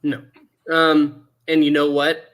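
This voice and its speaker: Brief: male host, bright sharp tone, slightly high, upbeat and easily amused. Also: completely flat delivery, slow pace. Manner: upbeat, laughs often. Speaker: podcast host reading the news. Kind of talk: casual panel chat.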